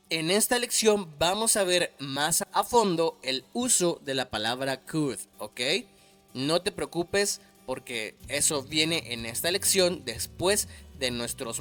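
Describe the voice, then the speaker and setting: A man teaching an English lesson, patiently repeating each word slowly and clearly. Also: a little high, fairly bright tone. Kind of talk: slow, careful language lesson.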